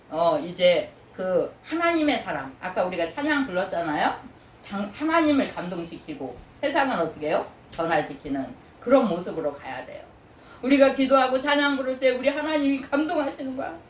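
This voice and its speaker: In a church sanctuary, a woman pastor preaches an animated sermon at a fairly quick pace, frequently questioning the congregation with a prompting "예?" and acting out God's praise in a high voice. The echoey room and distant mic leave her sounding far off, with slight background noise.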